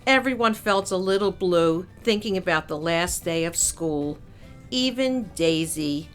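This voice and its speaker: A woman reading a children's picture book aloud as a narrator, in a measured storytelling style with clear emphasis. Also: lowish voice, animated, soft background music.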